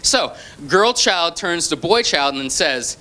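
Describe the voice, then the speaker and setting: A middle-aged man from Portland, Oregon, telling a stand-up comedy story on stage with punchy, deadpan asides. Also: on the high side, measured pace. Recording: noisy live club recording. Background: audience laughter.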